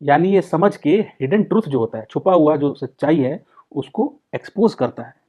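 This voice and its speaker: A man's voice: a little high, expressive, normal speed, mellow, slightly rough. A man teaching a psychology lecture for exam prep, explaining step by step and repeating key points. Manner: explains in Hindi mixed with English terms, repeats key points. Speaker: psychology tutor. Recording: dull, lo-fi sound.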